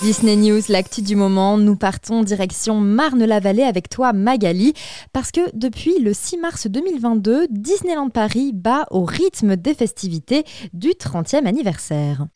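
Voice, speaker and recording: A woman's voice: medium pitch, lively intonation, normal speed, dark tone, no echo, studio quality. A woman hosting a podcast in a casual, upbeat chat, laughing often. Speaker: podcast host.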